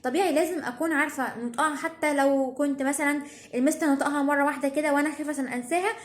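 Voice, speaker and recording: Egyptian teen girl giving study tips, high voice, keeps stressing words and asking "got it?". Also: roomy sound. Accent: Egyptian Arabic. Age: teens. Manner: chatty, emphatic, repeats words for stress, checks in with listeners. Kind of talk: casual advice talk to camera.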